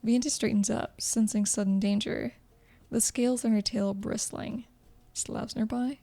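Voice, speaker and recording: A woman's voice: fairly high pitch, fairly even intonation, a little slow, gravelly, dark tone, faint music behind. A woman reading a video game story aloud as dramatic narration. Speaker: gameplay commentator and narrator.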